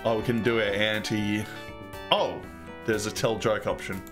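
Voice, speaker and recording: A man's voice: lowish voice, steady tone, a little slow, over music. A man casually commenting on an old computer game he plays, swearing and rambling. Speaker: let's play host.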